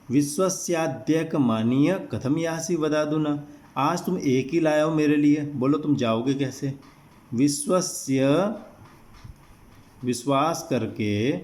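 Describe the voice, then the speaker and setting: Male teacher, mid-pitched voice, patient word-by-word glossing, repeats meanings, classroom explainer. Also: a little mellow. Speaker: Sanskrit teacher. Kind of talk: line-by-line textbook explanation.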